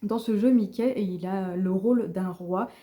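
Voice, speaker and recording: Chatty woman with a very dark, mellow voice. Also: mid-range voice, a little slow. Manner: chatty, many fillers and restarts. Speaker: book vlogger. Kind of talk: casual vlog chat.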